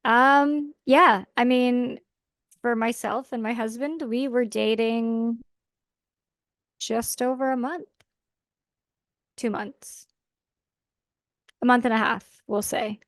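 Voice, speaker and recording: A woman's voice: on the high side, steady tone, slow, pauses often, no room sound, clean studio sound. A Canadian woman in her forties co-hosting a podcast in casual, chatty talk, laughing often. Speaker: podcast co-host.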